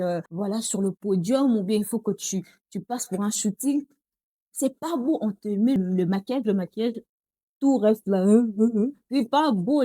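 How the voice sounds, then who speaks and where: In a relaxed vlog, a young Congolese woman talks straight to her audience and keeps calling them "girls," her accent Congolese French. She has a mellow, medium-pitched voice, and there's no echo on the recording.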